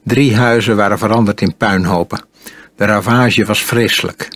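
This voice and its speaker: Husky-voiced man reading an audiobook. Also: on the low side, no echo. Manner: calm, measured storytelling. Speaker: audiobook narrator.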